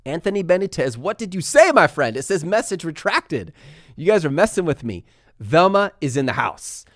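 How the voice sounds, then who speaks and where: A man from Texas and California hosting a casual live stream, talking fast and energetically while reading viewer comments aloud. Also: on the high side, very animated, no echo, studio quality. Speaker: livestream host answering viewer questions.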